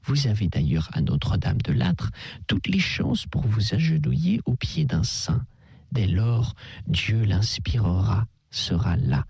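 In an audiobook, a male reader voices a kindly older priest who offers soft, half-whispered reassurance in a breathy, gravelly near-whisper. The pitch is fairly low, yet lifted a little above the reader's own, and the heavily acted delivery is slow and patient. The recording is close and dry, with no room sound.

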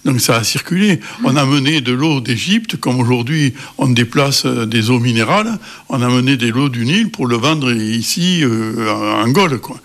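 A middle-aged man from the Cévennes in France, a guest expert explaining with lively emphasis in an interview. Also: medium pitch, normal speed.

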